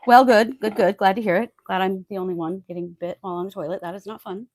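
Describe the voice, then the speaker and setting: A woman co-hosting a live true crime show, joking and chatting casually with quick quips. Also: medium pitch, fairly even intonation, no echo. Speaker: true crime podcast co-host. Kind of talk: casual chat, live stream.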